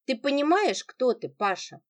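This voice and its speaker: A woman's voice: sits high, big pitch swings, normal speed, pitched above the performer's own voice. A woman doing a sneering, venomous wife. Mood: mocking. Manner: sarcastic, sneering, biting.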